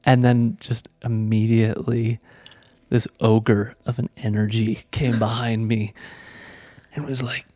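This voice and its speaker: A man co-hosting a casual spiritual chat, telling a story with laughter and sudden loud, high exclamations. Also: level tone, unhurried, dry recording.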